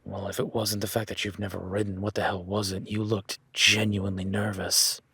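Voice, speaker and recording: Heavily acted, a man portrays a rugged, plain-spoken ranch hand guiding a newcomer in an audio roleplay, his folksy, easygoing cowboy manner slipping into casual swearing. His lowish voice is husky and sharp, level in tone and fairly quick, with no room sound.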